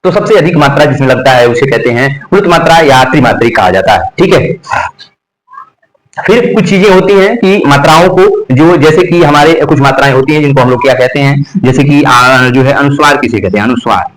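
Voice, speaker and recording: A man's voice: mid-range voice, expressive, fairly quick, rough recording. A man teaching Hindi grammar, repeating terms and asking and answering his own questions as he drills pronunciation. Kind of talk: classroom lesson.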